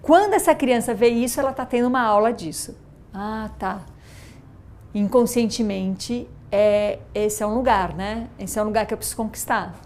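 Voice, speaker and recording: A middle-aged mother with a Brazilian accent, telling a story and reflecting in a thoughtful, halting way with many fillers and restarts. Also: a little high, a little mellow. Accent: Brazilian Portuguese. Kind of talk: reflective interview talk.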